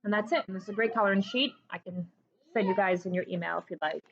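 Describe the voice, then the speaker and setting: A woman's voice: medium pitch, fast, creaky, highs cut off, slight background noise. A woman tutoring children in an online class, cheerful and encouraging, breaking into memory songs. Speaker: homeschool tutor.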